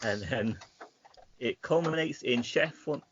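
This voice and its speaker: A man's voice: mid-range voice, slow. Rambling man on a lo-fi podcast. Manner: rambling recaps with restarts, quietens often. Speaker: podcast co-host. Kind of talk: casual chat. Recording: dull lo-fi with faint noise.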